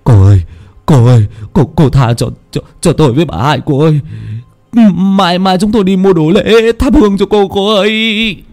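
A man's voice: low voice, lively intonation, moderate pace, long pauses, warm tone, breathy edge, soft background music. Man playing a stammering, cowardly village youth. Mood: terrified. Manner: stammering, begging. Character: cowardly young village man, terrified and lustful.

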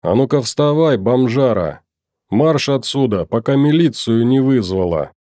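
A man voicing a bossy, shrill older female street sweeper in an audiobook. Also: lively intonation, a little slow, dark tone, no room sound, studio quality, lightly acted. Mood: scolding. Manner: shrill, screeching.

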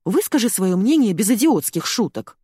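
A woman's voice: mid-range voice, sing-song, normal speed, darkish tone, slightly rough, no echo, clean studio sound, pitched above the performer's own voice. A woman doing a snappish, bossy young woman. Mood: irritated. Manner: snappish and commanding. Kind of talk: audiobook character voice.

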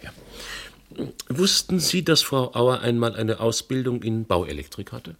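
A male actor voices a sceptical, politely ironic investigator in a German radio play, probing with formal, deliberate questions in a gravelly, husky tone. Here his pitch is medium and his delivery sing-song and a bit bright, a full character voice.

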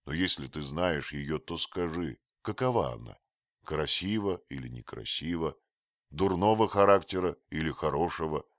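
A man voicing a blunt, hot-tempered young archer who speaks loudly and forcefully in a read-aloud story. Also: rumbling low, animated, normal speed, dry recording, clean studio sound. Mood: gruff. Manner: loud and forceful.

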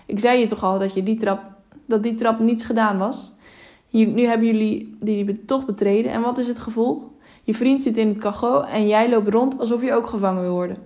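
A woman's voice: a little high, fairly even intonation, brisk, mellow, natural voice. Older man, scolding, urgent, a touch raised, as a woman reads him. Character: older man, a kindly meddling helper.

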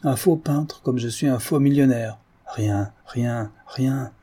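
A man's voice: mid-range voice, takes it slowly, mellow, slightly rough, pitched above the performer's own voice. A man voicing a guilt-ridden painter who speaks with bitter, anguished self-reproach. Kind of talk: audiobook character reading.

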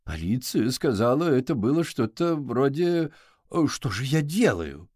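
A man's voice: medium pitch, sing-song, unhurried, a little mellow, no room sound, studio quality. A man voicing a nervous, evasive older woman librarian who hesitates.

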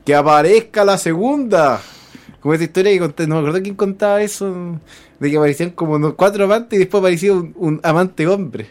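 Chilean radio co-host, joking banter. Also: male voice, sits high, fast. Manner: joking banter, sends listener greetings. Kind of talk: casual chat. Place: community radio studio.

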